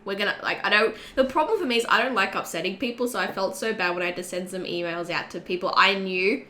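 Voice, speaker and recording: Woman, podcast host, bright voice, casual, filler-heavy chat. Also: medium pitch, fast. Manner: chatty and animated, frequent "like" fillers. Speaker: podcast co-host and community co-leader.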